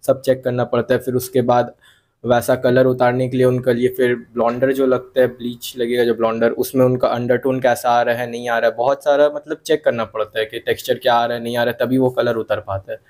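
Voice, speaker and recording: A man's voice: medium pitch, flat delivery, a little fast, darkish tone. A young man in his twenties, a hairstylist, explaining his work step by step in a salon interview. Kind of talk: on-camera interview. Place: indoor salon. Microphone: handheld reporter mic.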